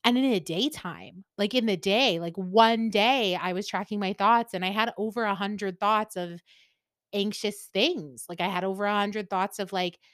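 A woman's voice: mid-range voice, normal speed, a bit bright, no room sound, studio quality. A woman hosting a casual solo podcast, talking candidly about herself, swearing freely and laughing often. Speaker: podcast host.

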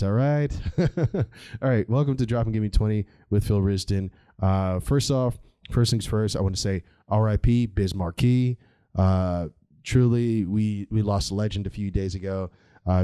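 A man's voice: sits low, warm tone, clean tone, no room sound, studio quality. A man hosting a podcast, delivering a casual, comedic monologue in a rambling, slangy, sweary way. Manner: informal, slangy, heavy swearing. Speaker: podcast host.

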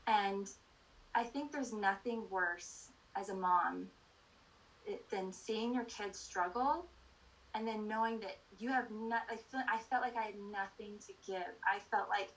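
A middle-aged woman speaking as an interview guest, candidly sharing personal experience in an earnest, halting way that often backtracks. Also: mid-range voice, low-quality recording. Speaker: podcast guest.

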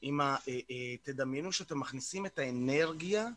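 A man hosting a morning online group session on a video call, talking informally in a coaching style and leading a short guided meditation. He often repeats words and fills pauses with "uh.". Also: medium pitch, a bit bright.

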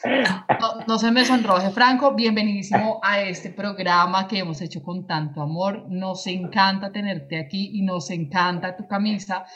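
Excitable fast-talking woman host, muffled line. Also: mid-range voice, a little hiss or hum. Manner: fast, excitable, laughs easily. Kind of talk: live-streamed talk show hosting.

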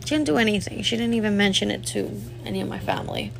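Talking fast in a creaky, medium-pitched voice, a vlogger in her 30s recounts a personal story to camera. She's frank and rambling, leaning heavily on "like," and talks directly to the people watching.

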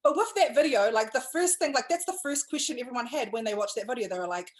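A woman's voice: fairly high pitch, expressive, fast talker. A young woman hosting a podcast over a call, chatting in an enthusiastic, talkative way and laughing often. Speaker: podcast host. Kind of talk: casual chat.

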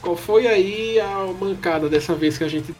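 A Brazilian man hosts a casual football chat. His voice is slightly high and his phrasing is colloquial. Soft music runs faintly behind him. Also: unhurried. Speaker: football podcast host.

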